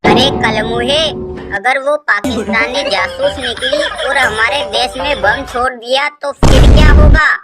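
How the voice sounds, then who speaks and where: A woman's voice: a little high, a little slow, over loud music, lightly acted. Woman playing a scolding worried mother. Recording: loud hiss behind the voice.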